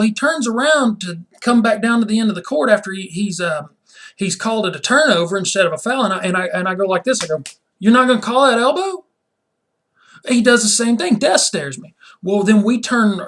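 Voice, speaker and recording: A man's voice: sits high, fairly bright tone. A man ranting indignantly in a vlog as a sports fan, often repeating his words. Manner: repeats words while talking.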